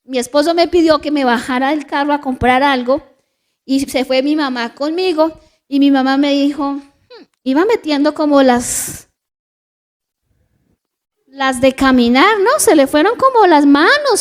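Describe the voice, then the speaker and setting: High-voiced Colombian woman pastor preaching. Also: measured pace. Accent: Colombian Spanish. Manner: storytelling preacher, drops to soft asides and rises for emphasis. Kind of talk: sermon. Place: church.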